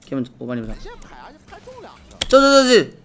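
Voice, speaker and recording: A young man streaming live, chatting casually while watching a match and thanking viewers for gifts, repeating himself when excited. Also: mid-range voice, fairly quick, smooth. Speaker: game streamer.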